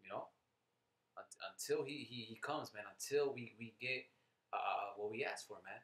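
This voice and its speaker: A man's voice: mid-range voice, normal speed, a bit bright, roomy sound, poor audio. A man giving informal scripture teaching in casual, slangy talk full of fillers and restarts. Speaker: lay preacher.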